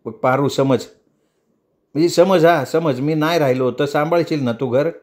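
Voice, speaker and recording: A man's voice: a little high, moderate pace, a little mellow, close to an everyday voice. A male storyteller voicing an anxious working-class driver who pleads and argues his case.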